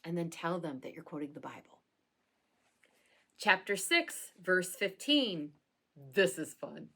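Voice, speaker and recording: A woman pastor talking casually to camera in a satirical vlog, with a dry, deadpan sense of humor and occasional laughing asides. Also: lowish voice, a little slow.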